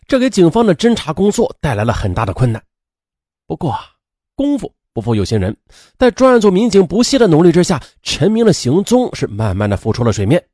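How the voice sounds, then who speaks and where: Animated male true-crime storyteller, close dry sound. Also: mid-range voice, no echo. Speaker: narrator of a true crime audio program. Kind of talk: lively spoken storytelling narration with conversational asides.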